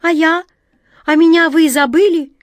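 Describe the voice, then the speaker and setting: Woman doing a shrill little squirrel. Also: steady tone, moderate pace, no room sound. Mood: desperate. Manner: shrill, pleading cries. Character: small desperate female squirrel, lonely and pleading. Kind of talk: storybook reading. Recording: dry close recording.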